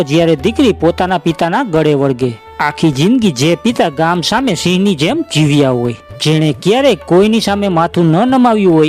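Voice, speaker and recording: Man narrating with a higher-pitched voice. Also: darkish tone. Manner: emotive storytelling, addresses listeners as friends. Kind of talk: scripted documentary narration.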